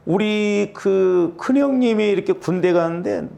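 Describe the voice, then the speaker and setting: Middle-aged male pastor, homespun anecdotal sermon delivery, slightly high pitch. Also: unhurried, creaky, mellow. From Jeolla, Korea. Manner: folksy storytelling with asides and rhetorical questions. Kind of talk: conversational sermon.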